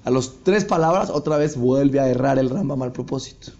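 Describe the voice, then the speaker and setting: A man's voice: mid-range voice, moderate pace, dull audio. A man, a rabbi giving a sermon and acting out the voices of a story. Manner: animated storyteller acting out dialogue.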